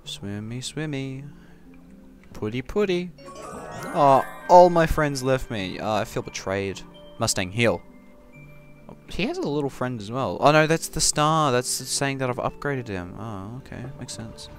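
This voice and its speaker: A man giving goofy, casual gameplay commentary, talking to the game and breaking into sudden loud yelps. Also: medium pitch, expressive, measured pace. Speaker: gaming commentator. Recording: game music behind the voice.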